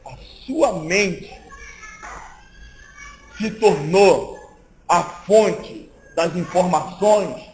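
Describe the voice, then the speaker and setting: A man delivers a sermon in a lively, conversational way, acting out little exchanges between people. His voice sits unusually high for a man. A faint hiss runs underneath. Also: drawn-out words, pauses often, poor audio. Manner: lively, conversational preaching that acts out little dialogues. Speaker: preacher. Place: church meeting, indoors.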